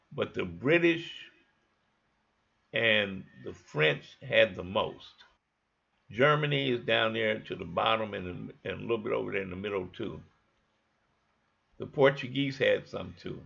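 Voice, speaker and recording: A man with a lowish, fairly bright voice, touched by vocal fry and breathiness, gives a folksy, conversational history lecture. He walks listeners through maps and invites them to think along, captured in a dull lo-fi recording.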